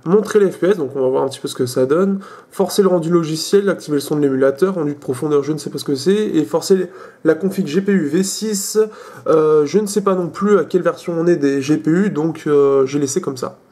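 A man's voice: on the high side, a little fast, mellow. A young man hosting a casual tech demo, talking with many hesitations, fillers and restarts as he walks through settings. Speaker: tech video host.

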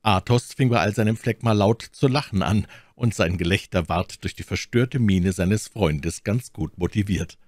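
A man narrating a classic novel as an audiobook in a measured storytelling manner. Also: on the low side, a little mellow, dry recording, studio quality. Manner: measured storytelling with acted voices. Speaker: audiobook reader.

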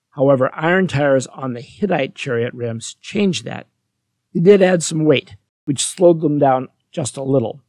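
A man narrating a scripted history lesson, steady and explanatory, with lighthearted dry asides to the viewer. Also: fairly high pitch, no room sound.

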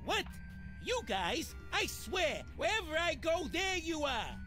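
An actor voicing a small, shifty, defiant thieving mouse with a squeaky voice in a cartoon game. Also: male voice, very animated, slow, music in the background, heavily acted. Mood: flustered.

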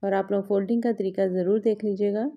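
She talks fast, in a medium pitch with fairly even intonation, and the audio sounds dull. The woman, a cooking vlog host, patiently explains a recipe step by step as she works with her hands at a home kitchen counter.

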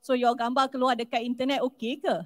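A Malaysian woman giving an animated anti-scam talk at an event, switching between Malay and English. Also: high voice, fast talker, dry recording, low-quality recording. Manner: animated, code-switching, acts out scammer voices. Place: event hall.

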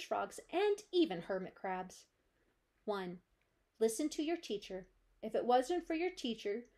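A woman librarian reading a children's chapter book aloud with gentle, steady storytelling. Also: mid-range voice.

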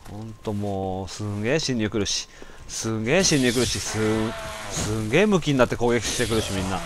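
A man giving casual, rough-spoken commentary while playing a video game, often yelling and stammering in panic. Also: fairly low pitch, lively intonation, brisk, noisy background. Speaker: gameplay commentator. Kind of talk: casual let's-play commentary.

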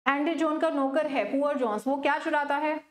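A woman with an Indian accent teaching an online exam-prep literature class, chatty and scolding, slowing down to read questions aloud. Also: high-pitched, fairly even intonation, roomy sound. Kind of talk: live exam-prep class, mixing Hindi and English.

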